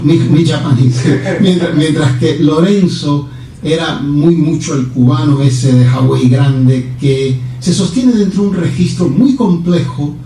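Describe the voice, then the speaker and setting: A man's voice: fairly high pitch, warm tone. A man from Cuba, a guest poet at a reading, speaking in a musing, self-mocking way with many hesitant fillers. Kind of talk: informal remarks at a poetry reading. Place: university event room. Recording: roomy, distant event recording with faint noise.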